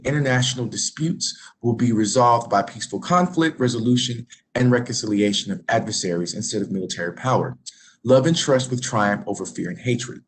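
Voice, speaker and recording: Formal man moderating, faint noise. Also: mid-range voice. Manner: measured, formal delivery. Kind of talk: reading prepared remarks.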